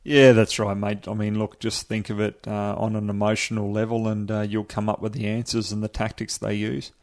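A man's voice: fairly low pitch, completely flat delivery, fairly quick, a little mellow. An Australian man being interviewed as a guest, chatting casually in a laid-back, blokey way with hesitant phrasing. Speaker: podcast guest, product reviewer.

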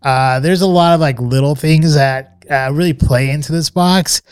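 A man's voice: on the high side, normal speed, clear, resonant tone, no room sound, studio quality. A man co-hosting a podcast, giving a casual, rambling review full of fillers and restarts. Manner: relaxed, hesitant, many fillers and restarts. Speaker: podcast co-host reviewing scotch.

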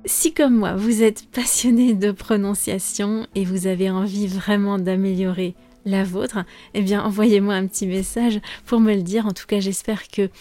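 A woman teaching her language on a podcast, explaining calmly with frequent fillers and pauses. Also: mid-range voice, faint music behind. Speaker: French teacher and podcast host. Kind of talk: podcast lesson monologue.

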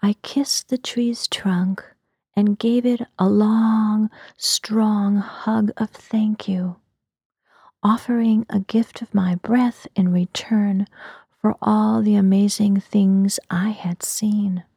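A woman narrating a dreamy fantasy story in a soft, breathy whisper. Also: mid-range voice, fairly even intonation, slow, dry recording, studio quality.

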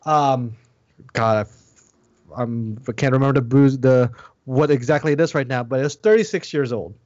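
A man's voice: medium pitch, moderate pace, darkish tone, dry recording. Rambling man on a dull, dry podcast mic. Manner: rambling, many restarts and fillers. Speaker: podcast co-host. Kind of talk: casual chat.

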